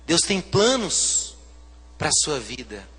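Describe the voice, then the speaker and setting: A man with a Brazilian Portuguese accent, a pastor preaching a sermon, swinging from hushed to loud, fervent delivery. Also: a little high, big pitch swings, takes it slowly, slightly rough, big-room sound, faint music behind.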